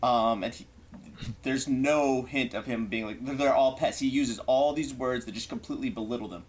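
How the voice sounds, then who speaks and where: A man's voice: medium pitch, normal speed. A man co-hosting a podcast, asking questions in casual chat with hesitant restarts. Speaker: podcast co-host.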